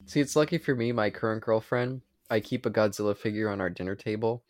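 Man co-host, slightly low voice, dry close mic, joking commentary. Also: fast, a little mellow, dry recording. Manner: joking, often laughs. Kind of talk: casual film commentary chat.

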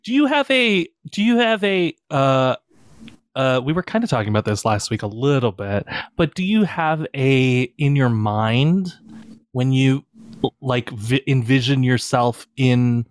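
A man's voice: mid-range voice, expressive, measured pace, no echo, clean studio sound. A man in his thirties co-hosting a casual chat, joking and rambling through restarts. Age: 30s. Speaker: podcast co-host.

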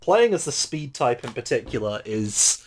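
A man's voice: mid-range voice, normal speed, slight background noise. A man co-hosting a podcast, joking playfully in a casual chat. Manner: lively, playful, jokey asides. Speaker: podcast co-host. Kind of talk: casual chat about games.

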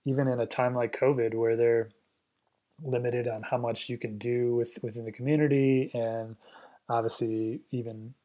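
A man co-hosting a podcast, asking guests questions in a relaxed, thoughtful way, often trailing off quietly. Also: mid-range voice, normal speed. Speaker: podcast co-host. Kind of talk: conversational interview.

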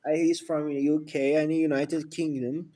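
A man from Iran, calling in to a show and speaking in a hesitant, halting, polite way. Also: a little high, little pitch movement, mellow. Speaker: listener caller. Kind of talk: casual call-in chat.

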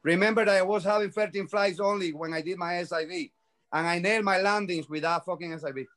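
A man in his forties whose first language is Spanish, chatting excitedly in broken English and swearing freely. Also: high-pitched, fast. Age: 40s. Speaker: paramotor pilot. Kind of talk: casual chat.

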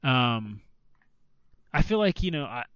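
A man chatting casually on a podcast, rambling and filling his sentences with "like". His voice is smooth and clean, recorded dry and a little dull. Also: mid-range voice, very animated, takes it slowly, a bit bright, dry recording. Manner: rambling, filler-heavy, restarts often. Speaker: podcast co-host. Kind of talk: casual chat about video games.

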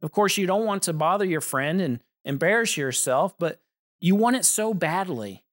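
A man's voice: high-pitched, lively intonation, moderate pace, a bit bright. A man hosting a Bible teaching podcast, explaining prayer in an earnest, scripted storytelling delivery. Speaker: podcast host and preacher.

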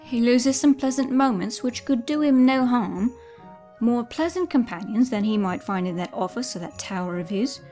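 A woman's voice: on the high side, animated, moderate pace, mellow, lightly acted. Cheerful, stubborn young niece voiced by a woman, jolly yet solemn, faint music bed. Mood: determined. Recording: background music.

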